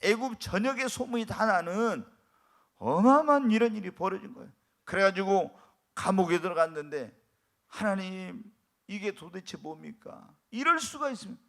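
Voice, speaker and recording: A man's voice: high-pitched, lively intonation, brisk, fairly bright tone. A middle-aged man preaching an emphatic sermon as pastor, acting out prayers and quarrels as he goes.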